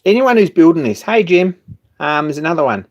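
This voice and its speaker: A man's voice: fairly high pitch, big pitch swings, brisk, highs cut off. A man, hosting a hobby machine shop live stream and chatting casually, rambling with restarts and chuckling now and then.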